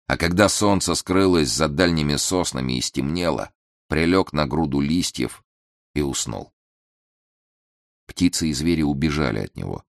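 Man, fairy-tale narrator, very low voice, dry sound, measured. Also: creaky, no echo.

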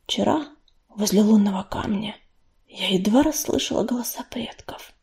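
A woman voicing a wise female medicine cat mentor, speaking in a quiet, measured, firm way in an audiobook. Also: medium pitch, close to an everyday voice. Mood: hushed.

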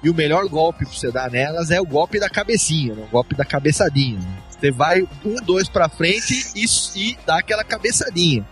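A man's voice: a little high, sing-song, brisk, hardly any pauses, a bit bright, faint music behind. A man with a Brazilian accent, a podcast host telling nostalgic stories in casual chat, with many short restarts. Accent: Brazilian Portuguese.

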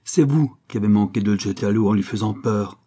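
Brave, scolding storybook young woman, near the reader's own low voice, read by a man. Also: fast talker, warm tone, husky. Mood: indignant.

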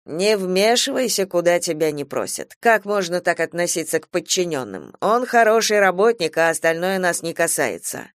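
A woman voicing a reasonable middle-aged uncle who talks in a calm, lecturing way, with a dry close sound. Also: lowish voice, normal speed, few pauses, no echo.

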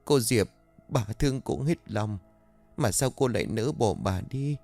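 A man's voice: medium pitch, expressive, measured pace, gravelly, a little mellow, faint music behind. A man voicing the youngest servant girl, tearfully begging her mistress to wake. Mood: imploring. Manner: tearful, imploring.

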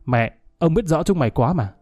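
A man playing a cocky young thug who taunts and threatens in a theatrical way. His voice is dark and mellow, and it sounds dry and close. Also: fairly high pitch, animated, a little fast, dry recording. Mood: menacing, mocking. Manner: menacing, showy, theatrical. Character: swaggering young street thug with flowery speech.

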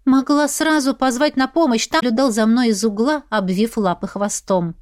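A woman's voice: a little high, normal speed, a little mellow, dry recording, clean studio sound. Wry woman narrating an audiobook. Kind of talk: first-person audiobook narration.

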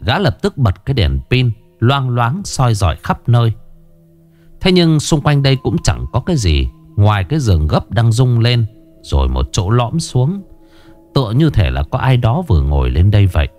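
A man narrating a ghost story in an animated, colloquial storytelling manner. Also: medium pitch, normal speed, faint music behind.

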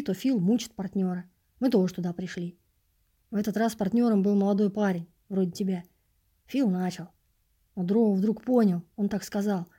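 A quiet, pleading homeless man speaks low and soft, as a woman reads him for an audiobook. His voice stays mellow and dark, never rising above a murmur. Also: breathy edge, close to an everyday voice. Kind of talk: audiobook reading.

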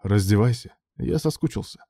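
A man's voice: on the low side, expressive, moderate pace, dark tone, dry recording, clean studio sound. A man doing a sly, mocking doctor. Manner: sly, teasing, commanding. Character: adult male doctor, mocking and coolly scheming.

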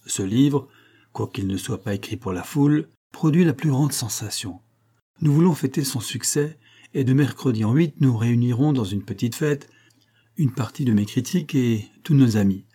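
A man reading aloud voices a vain, jovial man who laughs at everything and insists loudly. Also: mid-range voice, normal speed, breathy edge, close to an everyday voice. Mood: insistent.

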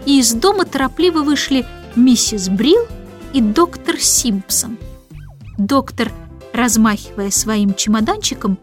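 A woman narrating a children's storybook in an expressive, measured way. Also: on the high side. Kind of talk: scripted audiobook narration.

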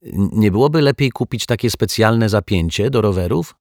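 A man's voice: lowish voice, animated, moderate pace, a little mellow, no room sound, studio quality, pitched above the performer's own voice. A man doing an impatient young boy. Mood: doubtful. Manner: impatient, insistent.

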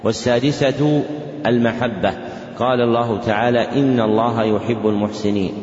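A male Islamic scholar giving a dictated religious lesson in a large mosque, speaking in measured phrases and repeating each one twice, with scripture lines chanted slightly. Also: medium pitch, fairly even intonation, a little mellow. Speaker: Islamic scholar teaching a class. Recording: echoey, dull lo-fi hall recording.

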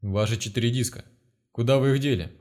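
A man's voice: mid-range voice, brisk, a little mellow, lightly acted. A man voicing a stern, commanding male investigator in an audiobook, blunt and contemptuous. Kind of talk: audiobook character reading.

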